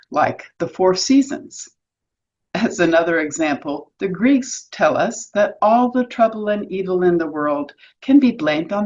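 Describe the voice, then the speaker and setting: A woman with a fairly low voice presents an educational explainer, articulate and instructive with a light wry edge. She hosts an educational video series and is also an author and workshop leader, speaking from a semi-scripted text. The high frequencies in the audio are cut off.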